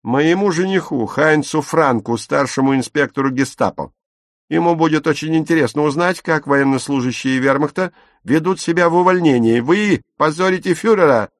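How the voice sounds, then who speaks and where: A proud young woman who gives orders and scorns those around her. A male audiobook narrator puts her on, lifting his low voice into a sharp, forceful, commanding tone. The recording is dry and close. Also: moderate pace, no room sound, natural voice. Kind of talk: audiobook character reading.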